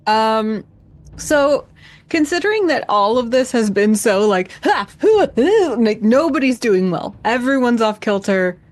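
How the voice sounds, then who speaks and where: A woman's voice: on the high side, expressive, unhurried. A woman chatting casually and playfully as a player in a tabletop role-playing game.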